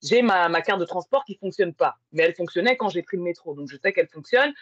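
Woman, husky, mid pitch, casual anecdote with fillers, dull dry recording. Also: animated, fast, dry recording. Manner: storytelling with many fillers. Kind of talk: casual conversation. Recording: muffled lo-fi sound.

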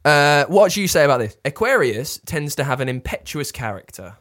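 A male podcast co-host with very animated intonation. He reads out bits and comments on them casually, teasing his mates bluntly and swearing freely. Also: on the high side, brisk, no echo, studio quality. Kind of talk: casual banter, reading out and commenting.

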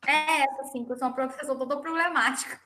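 A woman with a high, bright voice chats casually, telling stories with dramatic flair. She sounds like a teacher among friends, and her voice carries a roomy echo. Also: racing. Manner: animated, dramatic storytelling. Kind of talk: casual chat.

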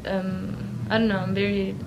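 A woman's voice: mid-range voice, flat delivery, normal speed, gravelly, over loud music. A woman from Switzerland, an interview guest, talking in a reflective, hesitant way and laughing often. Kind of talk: casual interview chat. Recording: noisy background.

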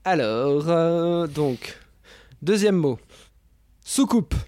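A man's voice: on the high side, moderate pace, a little mellow, dry recording. Guy hosting a film chat on a video call, lots of euh and repeats, dry close sound. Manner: hesitant, with many fillers and repeated words. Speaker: host of a film roundtable show. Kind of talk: casual hosting of an online film discussion.

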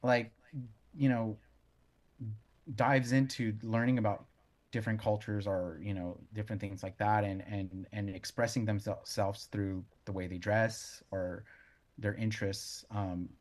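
A man being interviewed as a brewer, explaining casually in a halting way as he searches for words. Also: lowish voice, little pitch movement.

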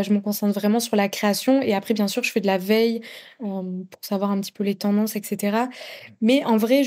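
A woman's voice: mid-range voice, warm tone. A woman with a French accent, a podcast guest talking casually, with many fillers and restarts. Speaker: podcast guest, content creator. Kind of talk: casual interview chat.

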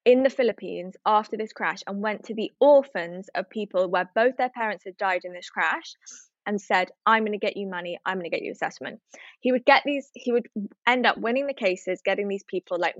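A woman's voice: mid-range voice, no room sound. A woman telling a story in casual chat, acting out what people said. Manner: animated storytelling, acting out quotes. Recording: dull, dry, slightly lo-fi sound.

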